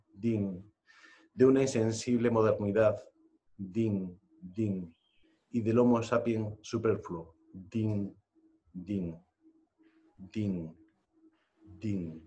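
A man moderating a live book presentation, speaking haltingly with fillers and reciting a poem solemnly. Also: lowish voice, mellow. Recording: dull lo-fi event recording.

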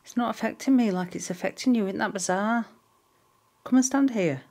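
A woman's voice: medium pitch, fairly quick, creaky, darkish tone. A woman paranormal investigator calling out to a spirit and coaxing others, in a coaxing way.

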